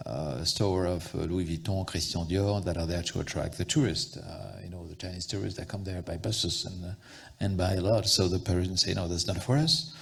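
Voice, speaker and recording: A male panelist with a low, creaky voice thinks aloud in public discussion. His tone is husky, and he often halts and searches for the right word. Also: fairly even intonation. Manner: halting, searching for words. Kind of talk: thoughtful spoken answer at public panel.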